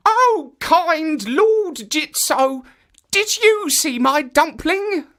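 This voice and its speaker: A man voicing a funny, fearless little old woman in a children's story, shrill and wailing with stretched-out words. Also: lively intonation, very slow, pushed and bright, heavily acted. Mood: pleading.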